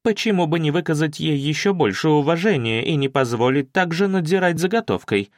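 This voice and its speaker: Мужчина озвучивает упрямую молодую жену, которая возмущённо спорит. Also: male voice, on the high side, animated, brisk, no room sound, clean studio sound, voice pushed up, natural voice. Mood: indignant. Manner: indignant, stubborn. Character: stubborn indignant young wife.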